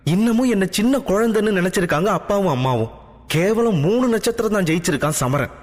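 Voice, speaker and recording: A man voicing a proud, quick-tempered young princess who talks back fast and high in an audio drama. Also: expressive. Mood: indignant. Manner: indignant, complaining, fast and high. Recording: music bed, long reverb.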